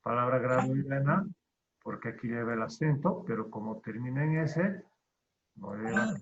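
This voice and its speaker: A man teaching an online class, explaining slowly step by step, his voice trailing off at the end of phrases. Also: medium pitch, slight background noise. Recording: dull lo-fi audio.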